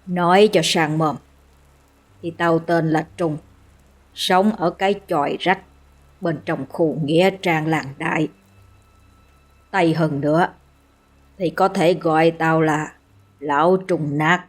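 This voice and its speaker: A woman doing a gruff old ghost man. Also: fairly even intonation, reverberant, big-room sound. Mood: mocking. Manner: slow, low, teasing drawl. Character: gruff old male ghost, mocking graveyard keeper.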